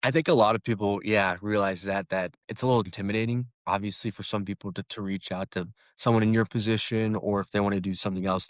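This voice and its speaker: A man's voice: fairly low pitch, dry recording, studio quality. A young man hosting a podcast interview, talking casually and rambling with many restarts. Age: young adult. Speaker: podcast host.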